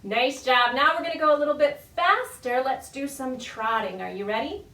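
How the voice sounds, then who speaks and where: Leading a baby storytime, the librarian uses a high-pitched, pushed and bright voice at a moderate pace. She offers parents and babies friendly, encouraging directions in a sing-song, demonstrative style. The distant mic catches plenty of roomy echo.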